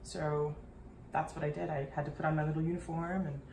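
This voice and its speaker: Low-voiced, teasing woman guest. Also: brisk, reverberant, a loud crowd, poor audio. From United States. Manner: relaxed, teasing, easy laughs. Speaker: guest musician. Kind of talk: casual chat while cooking. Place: studio kitchen.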